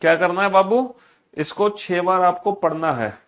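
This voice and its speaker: A man's voice: sits high, normal speed, a bit bright. A man teaching a class, repeating each instruction and coaxing students with affectionate teasing as he drills them. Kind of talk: classroom lesson.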